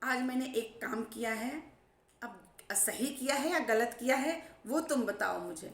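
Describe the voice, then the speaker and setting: A woman playing a tired old father in a folk story, speaking calmly and confidingly to his grown children. Her voice stays close to her own, a little high, with a strong echo from the room. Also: a little slow. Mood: weary. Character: old father, weary and scheming.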